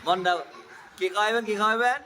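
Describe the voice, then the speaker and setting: An adult gently questions, teases and soothes a crying child in casual chat. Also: mid-range voice, fast, heavy background noise.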